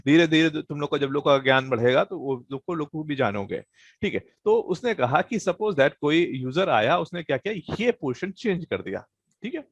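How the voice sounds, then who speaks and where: A man's voice: on the high side, expressive, moderate pace, no echo. A man teaching a programming class online, explaining casually and checking in with students, with plenty of fillers. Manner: explains casually, many fillers and "thik hai" check-ins.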